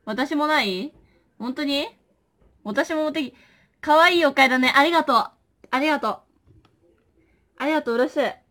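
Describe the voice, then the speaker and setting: A young woman hosting a casual livestream in a very high, bright voice. She talks playfully to her viewers and reacts to them with animated exclamations. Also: moderate pace, pauses often. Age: young adult. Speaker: livestream host. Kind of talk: casual chat with viewers during a makeup stream. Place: small indoor room.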